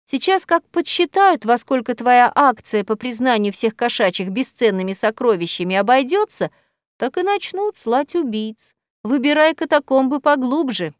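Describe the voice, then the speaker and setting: A playful young woman who teases with mock seriousness, as the narrator puts her on. Her voice sits a little high and sounds dry and close, like a studio audiobook. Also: lively intonation, normal speed, no echo, lightly acted. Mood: teasing. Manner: teasing, ironic. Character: playful ironic young woman teasing her cat friend. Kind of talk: audiobook character voice.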